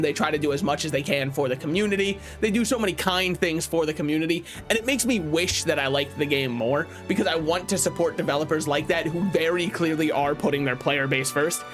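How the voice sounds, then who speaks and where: A man's voice: a little high, fast talker, few pauses, a bit bright, soft background music. A man giving casual, opinionated live-stream commentary on games, conversational and joking. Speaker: game streamer.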